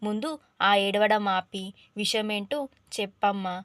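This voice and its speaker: A woman's voice: mid-range voice, little pitch movement, unhurried, a bit bright, no room sound, natural voice. A woman voicing a patient, flustered middle-aged male exam invigilator who coaxes a crying student. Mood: coaxing. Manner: coaxing, fatherly.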